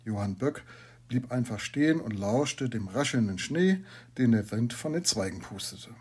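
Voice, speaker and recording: A man reading a story aloud in a calm storytelling manner. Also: mid-range voice, moderate pace, breathy edge. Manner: calm storytelling, quieter for asides. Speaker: narrator.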